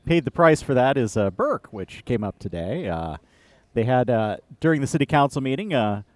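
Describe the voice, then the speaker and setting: A man co-hosting a casual politics podcast, talking in a relaxed, halting way with many fillers and restarts. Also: medium pitch, dry recording. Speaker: podcast co-host. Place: outdoor beer garden.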